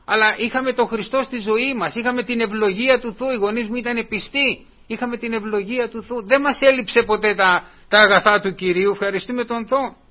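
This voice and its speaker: A man preaching a sermon in an earnest, repetitive way, often calling his listeners brothers. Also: very high-pitched. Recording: dull lo-fi recording.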